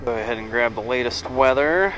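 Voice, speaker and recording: A man's voice: mid-range voice, fairly quick. A man talks casually and matter-of-factly as a pilot, giving checklist commentary in an aircraft cockpit. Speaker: pilot and presenter. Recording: cockpit audio, faint engine noise.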